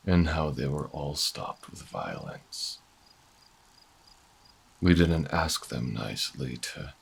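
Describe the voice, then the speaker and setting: In an audio roleplay drama, a man heavily acts a bitter older human revolutionary on the run, defiant and theatrical. His extremely deep voice is very gravelly and husky, and his brooding, halting monologue seethes with defiance.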